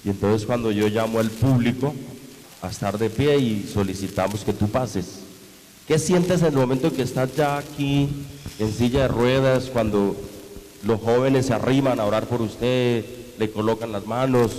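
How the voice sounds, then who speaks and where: A man's voice: mid-range voice, moderate pace, darkish tone, a little hiss or hum. Male church interviewer in a reverberant hall. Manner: leading questions, mixing tú and usted.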